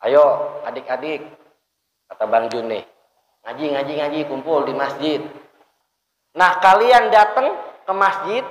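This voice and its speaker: Playful high-voiced man teaching in an echoey hall. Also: animated, unhurried, pauses often. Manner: playful, asks questions and answers them, acts out rude and polite calls. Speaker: Quran teacher. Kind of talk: lively religious lesson to children. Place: mosque hall.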